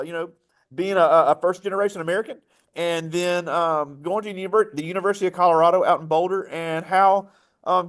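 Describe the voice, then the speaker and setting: A man, sounding somewhat bright, hosts a conversational interview with a guest while speaking as a high school teacher in his classroom.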